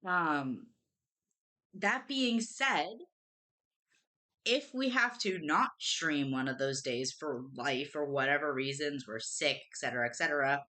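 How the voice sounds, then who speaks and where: Low, bright-voiced woman streamer. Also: normal speed, hardly any pauses. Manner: emotional, rambling with restarts. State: tearful at times. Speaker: streamer co-host. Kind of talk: casual livestream chat.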